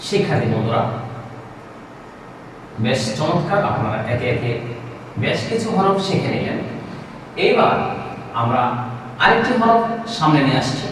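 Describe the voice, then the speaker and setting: A man's voice: on the high side, sing-song, normal speed, long pauses, fairly bright tone, very echoey, recorded from a distance, a little hiss or hum, poor audio. A man teaching Quran pronunciation in a patient lesson, drawing out each letter in long sung calls.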